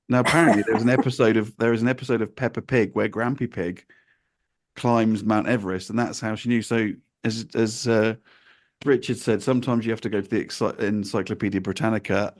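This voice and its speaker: A man co-hosts a relaxed podcast in a slightly low voice. He rambles, trips over his own sentences and chuckles along the way, and his voice sounds dry and close to the mic. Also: fairly quick, no echo. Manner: rambling, self-interrupting, chuckling. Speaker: podcast co-host. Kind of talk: casual podcast banter.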